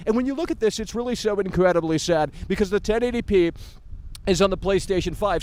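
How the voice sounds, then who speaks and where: Bombastic high-voiced male game critic ranting. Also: darkish tone, dry recording. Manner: bombastic, repetitive, mocking, self-aggrandizing. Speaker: video game critic livestreamer. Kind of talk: ranting live game review.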